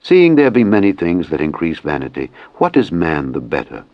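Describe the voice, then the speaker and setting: A man narrating scripture in a solemn, measured and declamatory reading style. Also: deep voice, huge pitch swings, no echo, dull audio.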